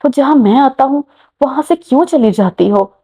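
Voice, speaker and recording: A woman's voice: sits high, moderate pace, warm tone, husky, voice pushed up. Woman voicing a teasing young man. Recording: muffled lo-fi recording.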